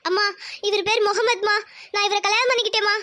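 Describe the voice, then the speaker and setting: A woman's voice: very high voice, steady tone, quick pace, sharp tone, slight background noise. A woman voicing a desperate young daughter in a cartoon, begging her family tearfully. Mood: pleading.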